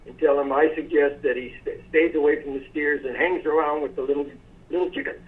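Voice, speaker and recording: Guy on a phone call hyping up his sales team, kinda high voice, tinny line. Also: steady tone, brisk. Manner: effusive and praising, with restarts. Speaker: sales company leader hosting a conference call. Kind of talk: casual motivational speech.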